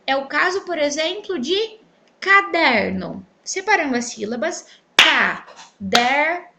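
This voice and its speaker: Woman teacher with a Brazilian accent, high and animated, clear and emphatic. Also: measured pace. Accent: Brazilian Portuguese. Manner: clear, emphatic, stretches syllables when spelling out words. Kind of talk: online grammar lesson.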